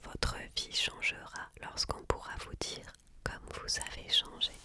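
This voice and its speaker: In a quiet library-style whisper, someone reads a book aloud as ASMR, each word slow and careful.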